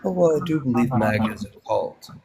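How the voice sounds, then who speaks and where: A man in his twenties calling into a live stream for a casual debate, talking in a dry, deliberate, measured way. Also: medium pitch, expressive, vocal fry, a little mellow, breathy edge. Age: 20s. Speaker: guest caller on a live stream.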